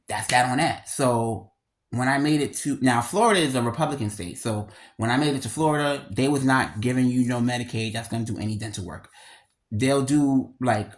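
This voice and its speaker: Thirties vlogger talking real candid and slangy, mid pitch, slight lisp from missing front teeth, repeats stuff for emphasis. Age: 30s. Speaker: video creator. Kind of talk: casual confessional vlog.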